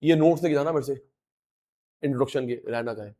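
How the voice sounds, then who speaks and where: A middle-aged man teaching a classroom lecture, animated, chanting terms with drawn-out stress. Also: mid-range voice. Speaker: economics teacher.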